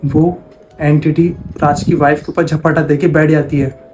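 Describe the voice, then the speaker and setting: A man's voice: on the high side, level tone, normal speed, noisy background. A man casually telling a horror story, talking in a conversational way and repeating phrases for emphasis.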